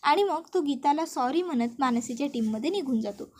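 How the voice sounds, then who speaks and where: A woman's voice: high-pitched, animated, a little fast, darkish tone, a little hiss or hum. A woman narrating a recap of a TV serial in a chatty storytelling manner, speaking to her viewers. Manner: chatty storyteller who addresses viewers and reads all the characters' lines.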